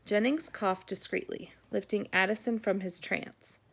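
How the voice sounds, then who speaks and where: A woman narrating an audiobook chapter in a steady, descriptive reading manner. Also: mid-range voice, measured pace.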